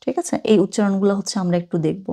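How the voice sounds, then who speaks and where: A woman gives a relaxed online language lesson. Her talk is chatty and informal, and she slows right down to sound out each example phrase with care. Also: medium pitch, gravelly. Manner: casual, chatty, mixes languages, reads German slowly and carefully. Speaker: German language teacher.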